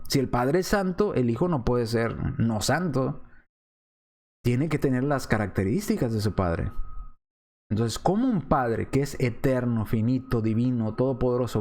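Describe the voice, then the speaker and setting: A man's voice: mid-range voice, expressive, moderate pace, darkish tone. A man from Mexico, teaching a Bible study lesson from slides, reasoning aloud with rhetorical questions and frequent hesitations.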